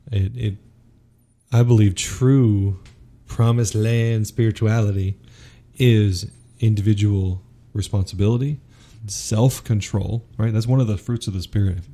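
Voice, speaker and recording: A man's voice: fairly low pitch, dark tone. A man who is a podcast guest, talking earnestly about spiritual ideas in a preacher-like way. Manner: earnest, preacher-like, quotes scripture. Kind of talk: spiritual teaching in conversation.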